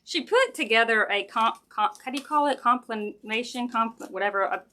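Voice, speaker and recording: A woman's voice: a little high, moderate pace, sharp tone. A woman with a Southern American accent hosts a casual craft livestream from home. She talks in a folksy, chatty way, addressing viewers directly and musing aloud as she works with her hands. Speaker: craft maker hosting a live stream. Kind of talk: casual crafting livestream chat, thinking aloud while working. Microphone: sensitive live-stream camera mic.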